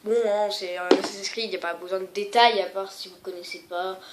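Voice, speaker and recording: Une femme qui présente ses jeux vidéo sur un ton décontracté, en hésitant souvent et en se moquant d'elle-même. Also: female voice, medium pitch, fairly even intonation, fairly quick, very noisy. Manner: rambling, many fillers and self-mocking asides. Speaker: gaming vlogger. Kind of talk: casual video game showcase.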